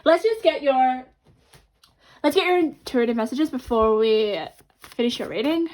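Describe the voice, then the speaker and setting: A woman with a fairly high voice hosts a chatty tarot card reading, addressing viewers directly. She talks with half of her mouth numb from the dentist. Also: lively intonation, measured pace, darkish tone. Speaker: tarot card reader and host.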